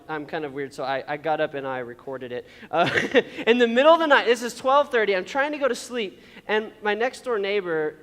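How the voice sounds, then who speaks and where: A man with a notably high voice gives a relaxed, story-driven youth sermon. He is chatty and animated, laughs easily, and keeps tossing "okay?" to the room. His voice rings out with a long reverb tail, as if in a big church hall. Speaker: youth pastor.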